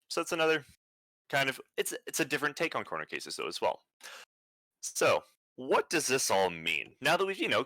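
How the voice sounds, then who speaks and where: A young man presents at an online conference in a medium-pitched, flat, almost monotone voice, filling his speech with fillers and restarts. There's no echo on the recording.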